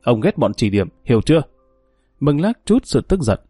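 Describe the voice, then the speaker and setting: A man's voice: medium pitch, sing-song, normal speed, dark tone, slightly rough, no echo, faint music behind. A man reading an audiobook, voicing a tough, menacing male gang leader who talks in harsh threats.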